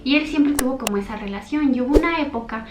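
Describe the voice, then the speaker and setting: A woman's voice: high-pitched, quick pace, noisy background. A young woman tells a personal story from her childhood to her channel in an earnest, heartfelt, intimate way. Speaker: YouTuber. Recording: echoey room.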